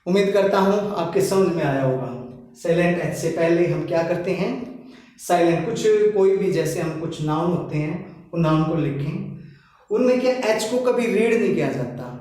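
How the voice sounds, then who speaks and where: A man's voice: fairly high pitch, normal speed, a little mellow. A man teaching an English grammar lesson at a board, repeating each word several times and asking the students questions. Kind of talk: slow blackboard grammar lesson. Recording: echoey room, voice from a distance.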